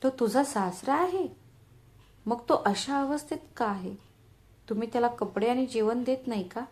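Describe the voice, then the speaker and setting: A woman's voice: fairly high pitch, normal speed, a little mellow, lightly acted. A woman voicing a nosy society lady who asks in shock. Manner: shocked questioning.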